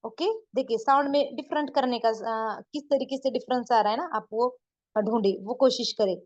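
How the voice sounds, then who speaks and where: A woman's voice: on the high side, a little mellow, highs cut off. A woman giving an online beginner Urdu lesson, explaining patiently and repeating herself, often checking with her listeners and drawing out sounds to demonstrate them. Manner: patient, repetitive explaining with frequent checks like "isn't it?"; drawn-out demonstrations of word sounds. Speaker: Urdu teacher.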